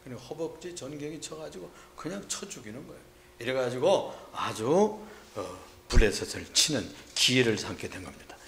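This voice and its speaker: A middle-aged pastor preaches a Sunday sermon in a fairly high voice. He tells the story in a lively way and gives the quoted shouts real force.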